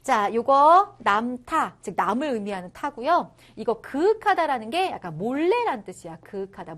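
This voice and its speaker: A woman teaching an online middle school Korean lesson, explaining step by step and often checking that the students follow. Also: a little high.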